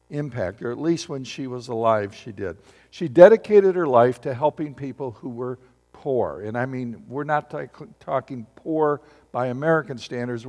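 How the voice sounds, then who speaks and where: Man, pastor, sermon, questions the congregation, mid pitch, long hall echo. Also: a little mellow. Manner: asks the congregation questions and calls for responses.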